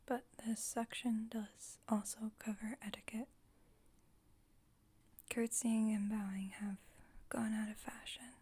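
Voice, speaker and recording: In a whispered ASMR roleplay, a woman plays a vampire coven leader who is calm, formal and caring. Her whisper is gentle, measured, breathy and a little high.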